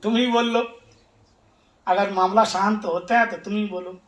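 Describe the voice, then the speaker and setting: A man voicing a calm, gentle divine prince who speaks softly. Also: sits high, normal speed, reverberant, lightly acted.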